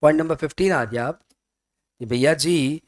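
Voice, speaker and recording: A man's voice: a little high, moderate pace. A man teaching tax in a chatty classroom lecture, asking his students questions and answering their imagined ones. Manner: chatty, mixes Hindi and English, asks students questions.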